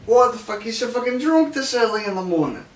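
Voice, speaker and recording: A man voicing a brash, loud Australian farmhand who mocks and swears, with an imitated Australian accent, in an echoey room away from the mic. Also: very high voice, animated, fairly quick, pitched above the performer's own voice. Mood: mocking. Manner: loud mocking outbursts, swearing. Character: brash drunk-mocking male Australian farmhand. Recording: echoey room, mic far off, faint hiss.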